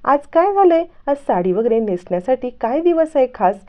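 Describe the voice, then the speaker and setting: A woman putting on a bright, affectionate young woman. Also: high voice, sing-song, moderate pace, muffled recording, pitched above the performer's own voice. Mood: curious, cheerful. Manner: bright, affectionate, curious questions. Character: cheerful young woman recovering in hospital.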